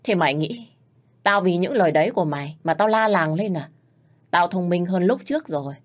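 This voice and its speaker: A woman voicing a hot-tempered, spiteful sister-in-law who sneers and shouts insults in a storybook reading. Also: lowish voice, expressive, fairly quick. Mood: sneering.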